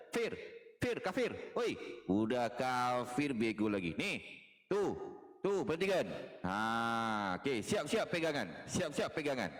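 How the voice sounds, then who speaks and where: A man delivering a mocking, taunting monologue in a lecturing tone, repeating phrases and chuckling as he jeers. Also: fairly high pitch. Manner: mocking, jeering, with frequent chuckles. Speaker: online religious commentator.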